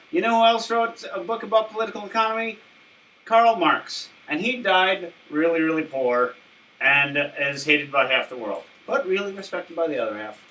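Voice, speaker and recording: A man with a high, bright voice co-hosts a live show, rambling and tripping over repeated words. He sounds a little distant from the microphone. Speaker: co-host. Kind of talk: casual live-stream banter.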